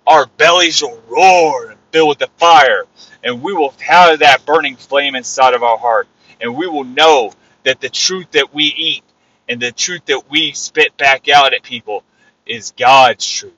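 A man preaching an informal sermon on his own podcast, repeating phrases and rising to loud exclamations. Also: medium pitch, measured pace, poor audio.

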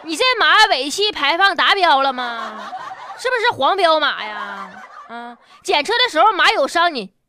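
Casting: woman comedy news host, Northeastern Mandarin accent, very animated high voice, sassy mocking storytelling. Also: moderate pace, slight background noise. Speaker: host of a comic news commentary show. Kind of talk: comedic news commentary with punchlines.

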